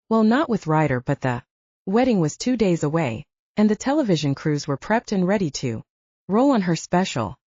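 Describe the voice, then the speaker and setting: A woman narrating a romance audiobook with expressive storytelling. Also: lowish voice, breathy edge, dry recording, lo-fi sound. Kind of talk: scripted narration.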